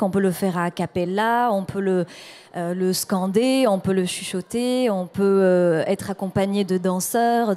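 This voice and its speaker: Hesitant woman poet, mellow voice. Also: mid-range voice. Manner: hesitant, many fillers and restarts. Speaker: poet and performer. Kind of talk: panel discussion answers.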